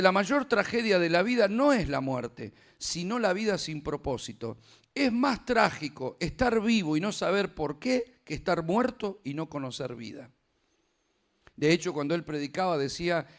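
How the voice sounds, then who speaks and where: An older man preaching a sermon, emphatic and returning again and again to firm refrains. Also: fairly high pitch.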